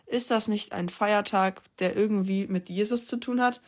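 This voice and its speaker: Woman doing bossy teen girl, brisk, louder, storybook reading. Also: medium pitch, natural voice.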